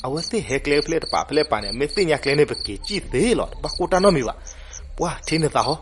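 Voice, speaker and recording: A man narrating a folk legend, animated and switching voices for the characters. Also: mid-range voice, quick pace. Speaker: storyteller. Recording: noisy recording with crickets behind.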